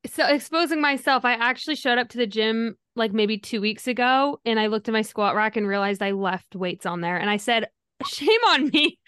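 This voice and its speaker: A young woman hosting a chatty podcast, her voice a little high and smooth. She talks in an upbeat, easygoing way and laughs often. The sound is close and dry, with no room around it. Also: a little fast, few pauses, a bit bright, no echo. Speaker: podcast host. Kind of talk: casual chat.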